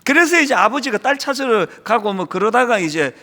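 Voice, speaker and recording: A middle-aged man preaches to his congregation, his voice high and lively as he retells a story and acts out lines with swelling feeling. The sound rings with long reverb from a large church hall. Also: fairly quick. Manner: storytelling, acting out film lines with rising emotion. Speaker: pastor. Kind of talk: sermon.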